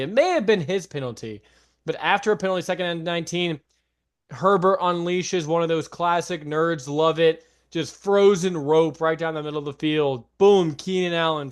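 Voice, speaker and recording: A young man co-hosts a sports podcast in casual, lively talk. His voice sits a touch high, and he breaks into loud mocking bursts when he imitates fans. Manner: animated, mocks fans in loud shouted bursts. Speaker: podcast co-host.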